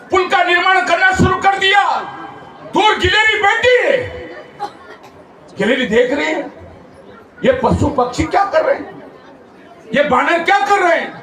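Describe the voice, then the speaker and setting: High-pitched garhwali guy giving a rhythmic speech at a village stage, distant sound, faint crowd. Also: pushed and bright, reverberant. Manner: declamatory, repeats phrases for rhythm. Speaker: speaker at a village Ramlila. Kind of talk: declamatory storytelling speech. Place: outdoor village stage event.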